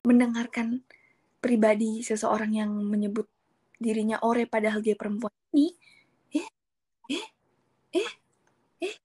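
A woman speaking as a guest in a casual chat about learning Japanese, animated and acting out what other people say. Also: a little high, a little slow, pauses often, husky. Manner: animated, acts out quoted speakers.

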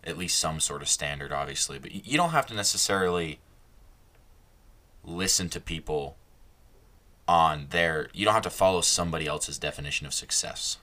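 A man's voice: rumbling low, normal speed, sharp tone. A young man hosting a casual solo podcast, rambling and stopping himself mid-sentence, laughing at his own slips. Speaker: podcast host.

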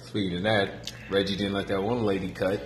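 Profane, animated man telling stories. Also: low-pitched, brisk. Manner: profane, animated storyteller who acts out voices. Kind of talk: casual chat. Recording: echoey room, faint noise.

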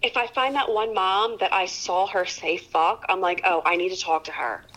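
A woman's voice: on the low side, moderate pace, a bit bright, rough recording. A woman in casual chat with a friend, talking bluntly and swearing freely. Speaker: mom friend listening.

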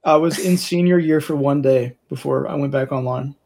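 A young man co-hosting a casual chat, telling relaxed anecdotes and swearing casually. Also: on the high side, normal speed, vocal fry, a loud crowd, low-quality recording. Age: young adult. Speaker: podcast co-host.

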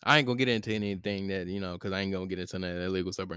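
A man's voice: low voice, rapid-fire, pushed and bright, clear, resonant tone, no echo, studio quality. A young man from the St. Louis area, co-hosting a podcast and telling stories in a loose, slangy way. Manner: laid-back storytelling, slangy, laughs often. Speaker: podcast co-host. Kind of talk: casual podcast chat.

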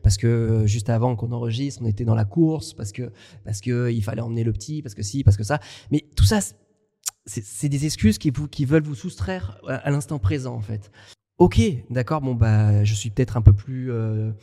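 A man from France co-hosting a podcast, talking things through in a halting, reflective way with many restarts. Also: medium pitch, gravelly, mellow, long reverb tail. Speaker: podcast co-host. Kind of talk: casual conversation.

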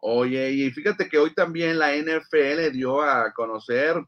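A man's voice: a little high, unhurried, fairly bright tone. A man hosting a sports radio show, steering the chat and reading out listener comments. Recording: dull lo-fi radio audio.

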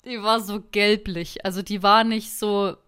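A woman's voice: medium pitch, steady tone, measured pace, fairly bright tone, clear, resonant tone. A young woman, telling a story in casual podcast chat and laughing often. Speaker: podcast co-host.

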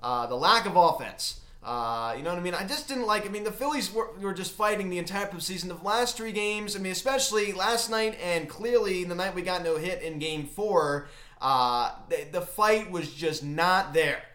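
A man hosting a casual sports recap, talking in a halting, emphatic fan's manner, recorded in an empty closet. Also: sits high, expressive, bright, forceful tone. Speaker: sports recap video host. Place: empty unfurnished closet in a home. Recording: echoey small bare room.

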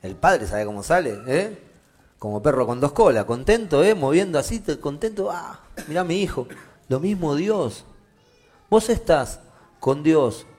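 A middle-aged man with a Rioplatense Spanish accent, preaching a conversational sermon to his congregation with jokes and loud, emphatic peaks. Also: fairly high pitch, big pitch swings, unhurried. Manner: swings from quiet asides to loud emphatic preaching. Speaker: pastor. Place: church meeting room with a congregation.

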